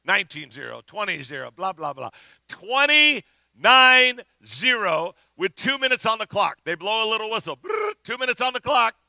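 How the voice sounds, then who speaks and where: Middle-aged male pastor, storytelling sermon; high, gravelly, very bright voice, dry close sound. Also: moderate pace, no echo. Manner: animated storyteller, shouts at climaxes.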